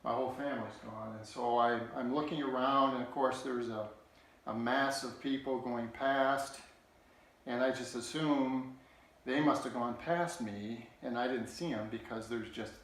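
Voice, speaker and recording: A man shares a personal story from his childhood, speaking earnestly and haltingly with frequent restarts. His voice sits at an ordinary middle pitch. The recording is very echoey, as if made in a large bare room. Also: fairly bright tone. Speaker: political candidate.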